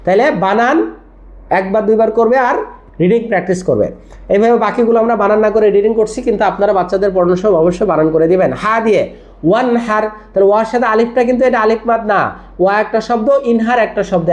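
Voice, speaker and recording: A Quran teacher, giving a tajweed lesson. The teacher spells words out letter by letter and then drills them slowly. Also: medium pitch, darkish tone. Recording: dull lo-fi recording.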